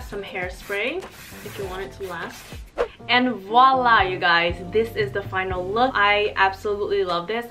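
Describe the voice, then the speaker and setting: A woman's voice: medium pitch, bright, forceful tone. A young woman in her twenties chatting casually while she styles her hair, recorded indoors in her living room by a camera in front of her. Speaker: beauty vlogger. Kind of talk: hair tutorial. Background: background music.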